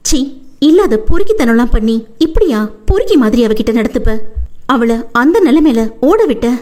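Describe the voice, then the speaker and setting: A woman's voice: a little high, very animated, normal speed, darkish tone. A woman voicing a hurt, teasing young wife who scolds her husband in an audiobook. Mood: scolding. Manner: sulky and scolding.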